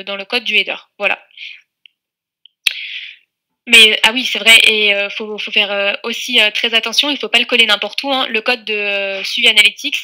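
A woman presenting a webinar, walking viewers through software steps in a chatty way with many fillers and restarts. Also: on the high side. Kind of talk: screen-share software tutorial.

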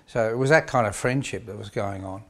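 An older man, a band member, telling a relaxed, rambling story in an interview with many pauses and fillers. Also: fairly low pitch. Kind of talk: reminiscing interview.

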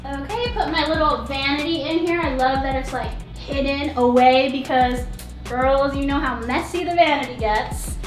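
A woman's voice: high voice, normal speed. A young woman giving a casual, chatty vlog tour of her home, sing-song and full of "like"s. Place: large empty apartment. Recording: very echoey empty rooms with music. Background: music from house speakers.

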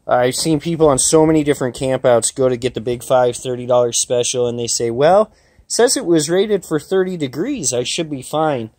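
A plain-spoken man in his thirties talks through camping gear at an outdoor campsite, with a middle-pitched voice and lots of "uh" and "um". His voice sounds close and dry on a handheld camera. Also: expressive, normal speed, darkish tone, no room sound. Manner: plain-spoken, chatty, frequent "uh" and "um". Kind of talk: casual outdoor gear talk.

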